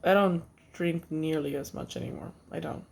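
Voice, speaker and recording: Gravelly-voiced woman telling a story. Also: sits low. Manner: halting, with many fillers and restarts; blunt, swears freely. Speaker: vlogger. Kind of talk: casual storytime vlog.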